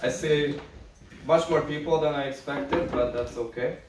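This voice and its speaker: A man from Hungary in his thirties giving a guest lecture to a class, relaxed and explaining steadily with dry humour. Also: on the high side, normal speed. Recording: echoey classroom from far off, faint hiss.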